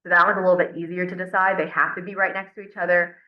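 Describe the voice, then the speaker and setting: A woman teaches chemistry, walking students through each step and counting aloud as she works at the board. Her voice sits a little low for a woman. The recording is dull and lo-fi, with the ring of a roomy classroom. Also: flat delivery, racing. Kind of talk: classroom lecture.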